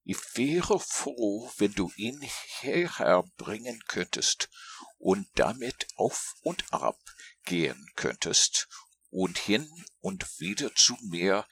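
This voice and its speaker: A man voicing a simple, earnest, honey-loving toy bear in a storybook read-aloud, in a slow, plaintive, raised voice. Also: lowish voice, vocal fry, bright, forceful tone, slightly rough, no echo, heavily acted.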